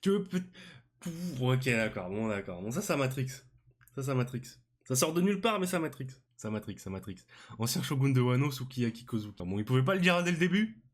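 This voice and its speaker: A young man giving excited reaction commentary, slangy and exclamatory, often repeating his phrases. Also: medium pitch, brisk. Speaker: manga reaction youtuber. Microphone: studio microphone on arm.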